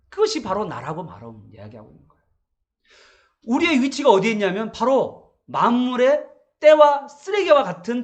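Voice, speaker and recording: A man's voice: extremely high pitch, a bit bright. A male pastor giving a morning Bible sermon, asking the congregation rhetorical questions.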